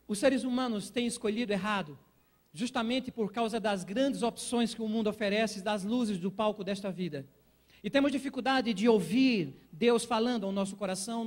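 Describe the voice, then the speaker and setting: A man with a Brazilian accent preaching a sermon in a church, telling a personal story with emotion and acting out his younger self. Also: sits high. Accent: Brazilian Portuguese. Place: church auditorium.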